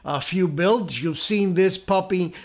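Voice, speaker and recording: Speaking at a measured pace in a high voice, a man walks viewers through painting scale models at his indoor workbench. The tone is laid-back, sprinkled with "uh"s and friendly side comments.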